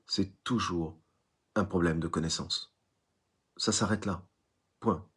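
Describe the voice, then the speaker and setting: A man's voice: sits low, slow, breathy edge. A man giving an online spiritual lecture, emphatic, who repeats phrases and tells little stories. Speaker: spiritual teacher.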